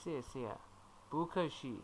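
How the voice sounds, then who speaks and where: A woman with a strikingly low voice takes part as a student. She speaks slowly and quietly, gives short answers, and repeats words carefully after her teacher. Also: animated, rough recording.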